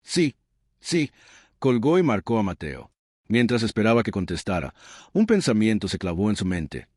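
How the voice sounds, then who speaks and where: A man's voice: lowish voice, very animated, fairly quick, a little mellow, no room sound, clean studio sound. A man reading a dramatic story as narrator, with suspenseful delivery.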